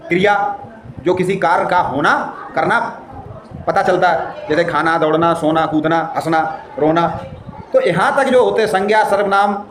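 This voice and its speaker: A man teaching a grammar lesson. He explains with everyday examples and asks questions as he goes. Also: high voice. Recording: echoey room with faint noise.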